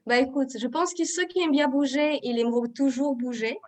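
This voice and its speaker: Soft-spoken woman with a Russian accent. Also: sits high, fairly quick. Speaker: guest, Ayurveda therapist. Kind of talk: online interview.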